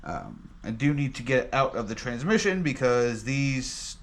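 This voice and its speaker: A man giving a casual car vlog in a tired, sedated, halting way, sounding drowsy and medicated. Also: mid-range voice, expressive. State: tired and drugged on muscle relaxers. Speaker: car vlogger and home mechanic.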